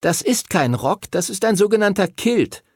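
A precise, bookish boy who likes to set the others straight, as a male narrator plays him. The reader lifts his voice high for him, and a slightly husky, gravelly grain remains. He is a character in a children's audiobook. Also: big pitch swings, moderate pace, no room sound, clean studio sound, full character voice. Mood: pedantic. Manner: correcting, precise. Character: know-it-all bookish boy.

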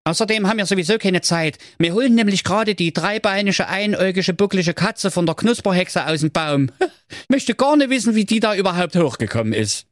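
A man doing a squeaky offhand fireman. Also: animated, no room sound, studio quality. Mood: dismissive. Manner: offhand, quick, shrugging. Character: lazy dismissive firemen, chatty.

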